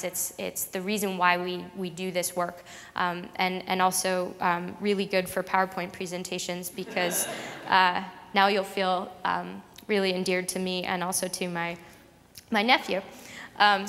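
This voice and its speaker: Female conference speaker, mid-pitched, conversational with frequent restarts, long hall reverb. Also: fairly bright tone. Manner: conversational, many fillers and restarts. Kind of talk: presentation talk to an audience.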